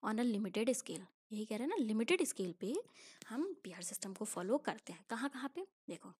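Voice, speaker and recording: A young woman teaching an exam-prep civics lesson, explaining in a patient, chatty way. She keeps checking that the students follow, and she reads textbook lines slowly before she explains them. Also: on the high side, sing-song, a little mellow, husky. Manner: explains in mixed Hindi and English, asking checking questions.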